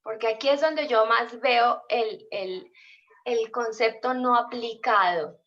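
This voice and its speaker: A woman's voice: a little high, takes it slowly, fairly bright tone. A woman teacher on a dull lo-fi call. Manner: patient, explanatory, questions students often. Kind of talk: online class lecture.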